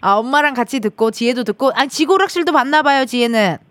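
A woman's voice: high-pitched, lively intonation, quick pace, a bit bright, slight background noise. A woman hosting a radio show, chatting playfully with a young caller in a teasing, cheering manner. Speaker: radio host. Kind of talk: casual on-air chat with a caller. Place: radio studio.

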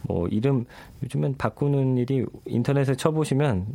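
A man's voice: medium pitch, normal speed, gravelly, dark tone. A man in his thirties, a guest on a radio show, explaining things conversationally with many fillers. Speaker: guest commentator.

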